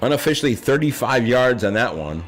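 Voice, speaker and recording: A man giving conversational live play-by-play of a high school football game, as its announcer. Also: sing-song, fairly quick. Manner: conversational, corrects himself aloud. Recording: noisy live outdoor field broadcast.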